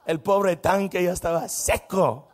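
Animated high-voiced preacher. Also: male voice, measured pace. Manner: animated storytelling with frequent exclamations. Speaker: pastor. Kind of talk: sermon.

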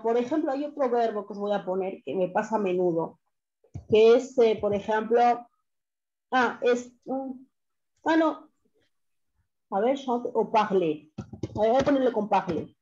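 A woman's voice: fairly high pitch, warm tone. A woman teaching an online language lesson, explaining patiently and checking constantly that her students follow. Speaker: French teacher. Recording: dull lo-fi online class audio.

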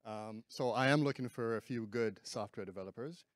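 A soft-spoken man, a company founder, speaking from the audience off the mic and sounding far away. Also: mid-range voice, normal speed, slight background noise. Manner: soft-spoken, self-deprecating. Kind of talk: audience pitch. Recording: faint, distant voice.

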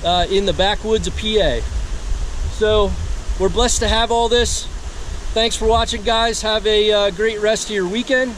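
A man in his forties talking casually to a hand-held camera beside a forest stream, relaxed and rambling, with many fillers. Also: sits high, a little slow, a little hiss or hum, low-quality recording. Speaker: fly fishing vlogger. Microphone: camera held at arm's length.

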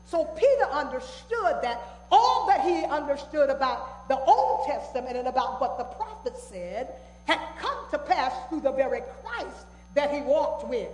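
A woman's voice: high-pitched, a little mellow. A woman pastor preaching a sermon, repeating words for emphasis as her delivery rises and falls. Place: church sanctuary. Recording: echoey church hall.

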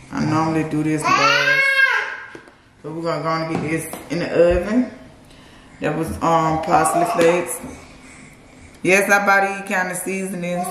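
A young woman talks the viewers through her seasonings while she cooks at home, chatty and quick to laugh. Her voice is picked up by a camera mic across the room. The kitchen sounds echoey, with loud noise underneath. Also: lowish voice. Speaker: vlogger cooking with her boyfriend. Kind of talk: casual cooking vlog chat.

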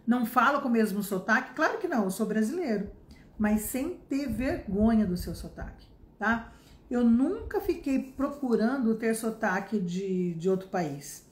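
A woman's voice: on the high side, lively intonation, normal speed, echoey room. Chatty Brazilian woman in her fifties. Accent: Brazilian Portuguese. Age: 50s. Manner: chatty, frequent tag questions, emphatic. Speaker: English teacher. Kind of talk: casual spoken lesson.

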